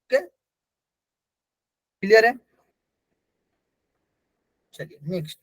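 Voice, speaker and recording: A man teaches an exam-prep class in a strikingly high voice. He keeps asking the class questions, answers them himself and repeats each key term. The sound is close and dry, with no room around it. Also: expressive, very slow, no echo, rough recording. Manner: repeats key terms for emphasis.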